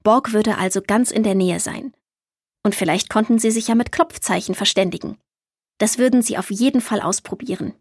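A woman narrating a children's storybook in a calm, clear storytelling manner. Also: medium pitch, normal speed, no echo, clean studio sound. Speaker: audiobook reader.

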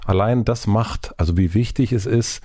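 A man from eastern Germany talks in a hesitant, halting way, reaching for words between fillers. His voice is very deep and dark in tone. The sound is dry and close. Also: no room sound. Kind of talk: casual chat.

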